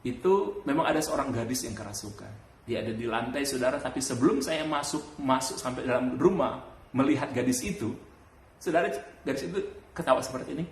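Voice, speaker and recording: A male pastor preaching a sermon and telling a story, with lively jumps up in pitch and laughter in his voice. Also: fairly quick, reverberant. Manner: animated storytelling with sudden high bursts and laughs. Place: church.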